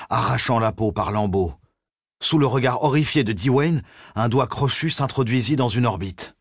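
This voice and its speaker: Low-voiced male thriller audiobook narrator. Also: no echo, clean studio sound. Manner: measured, suspenseful reading.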